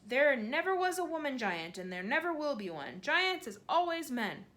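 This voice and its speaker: A woman voicing a huge, very old and kindly male giant who jumbles his words with eager, excitable made-up phrases in a storybook reading. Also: high voice, moderate pace, pitched above the performer's own voice. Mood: earnest, explaining. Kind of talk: storybook read-aloud.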